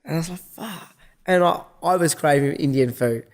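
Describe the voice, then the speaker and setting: An Australian middle-aged man vlogs a story as a casual monologue, rambling, restarting often, swearing, and acting out dialogue. His voice is fairly high and he talks a little fast.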